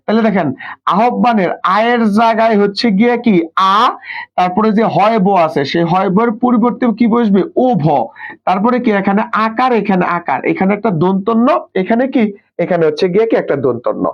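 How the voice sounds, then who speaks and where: A man teaching an exam prep lesson, asking questions and answering them himself and drilling pronunciation slowly. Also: sits high, expressive, highs cut off.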